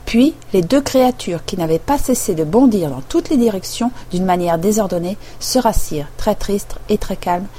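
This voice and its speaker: A woman narrating a storybook chapter in a calm, even reading voice. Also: medium pitch, moderate pace, hardly any pauses, slight background noise. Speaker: audiobook narrator. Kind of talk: scripted narration.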